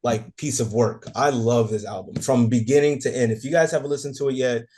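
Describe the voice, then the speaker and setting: A man's voice: mid-range voice, a little fast, dark tone. A man co-hosting a casual podcast chat, talking enthusiastically and gushing about what he loves. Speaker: podcast co-host.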